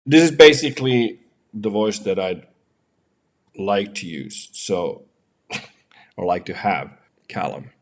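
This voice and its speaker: A man, a voiceover artist, chatting casually about voice software from his home office, with frequent fillers. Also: on the low side, slow, pauses often. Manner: chatty, filler-heavy explaining. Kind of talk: casual tech review.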